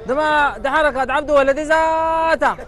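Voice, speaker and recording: A man playing a worried Sudanese father who loudly accuses drug sellers in a street theatre sketch. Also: very high-pitched, normal speed, a faint crowd. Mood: aggrieved. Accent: Sudanese Arabic. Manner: loud, pleading, accusing stage delivery.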